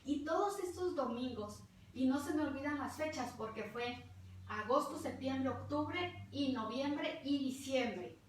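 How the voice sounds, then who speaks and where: A woman's voice: high-pitched, unhurried, a little hiss or hum. Fervent Mexican woman preaching in echoey hall. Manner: fervent, repeats words for emphasis. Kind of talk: testimonial sermon. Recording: very echoey hall, distant mic, faint ambience.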